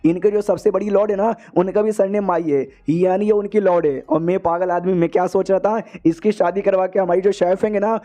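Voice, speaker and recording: A man's voice: sits high, warm tone. A man narrating a story recap in a casual, chatty, slangy way. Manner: chatty and slangy, rushing through the plot.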